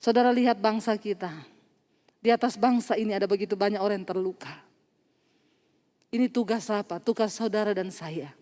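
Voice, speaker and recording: A woman's voice: medium pitch, a little fast, pauses often. A woman pastor preaching a sermon, telling stories with humor and speaking straight to the congregation. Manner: lively storytelling with humor, addressing the congregation. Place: church service hall. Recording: long reverb of a large church hall.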